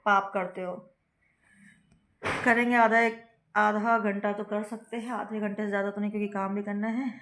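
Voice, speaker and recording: A woman chats casually at home in a vlog while she is unwell with a fever. She tells her story at length and keeps breaking into laughter. Her voice sits at an ordinary middle pitch in a roomy, echoey room. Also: little pitch movement, moderate pace, pauses often, fairly bright tone. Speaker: vlogger, mother.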